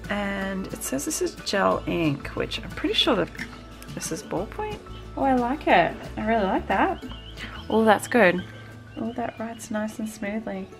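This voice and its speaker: A woman with a creaky, medium-pitched voice chats through a casual stationery subscription box unboxing. She coos over the small pieces and sounds slightly nasal because of a cold.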